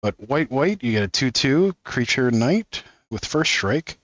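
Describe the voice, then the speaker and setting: A man's voice: mid-range voice, big pitch swings, unhurried, fairly bright tone, dry recording, muffled recording. A man hosting a card-opening video, reading card text aloud in a casual, amused way and chuckling often. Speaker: card-opening channel host.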